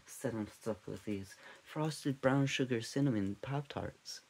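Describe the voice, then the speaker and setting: Husky rambling man telling a mock crime story. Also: mid-range voice, unhurried, darkish tone, rough recording. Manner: rambling, scatterbrained, goes off on tangents. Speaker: comedic podcast host. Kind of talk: deadpan parody true-crime storytelling.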